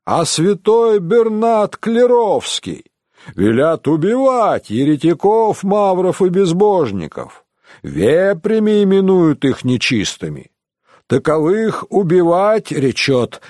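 A man voicing a second drunken pilgrim who shouts about church teachings in an audiobook. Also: high voice, sing-song, takes it slowly, no echo, clean studio sound, voice pushed up, full character voice. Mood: fervent. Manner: shouting, fervent.

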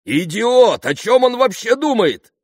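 A man's voice: sits low, unhurried, no echo, studio quality. A man voicing a grumpy, irritable old male colonel who grumbles and bursts out in outrage. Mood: outraged.

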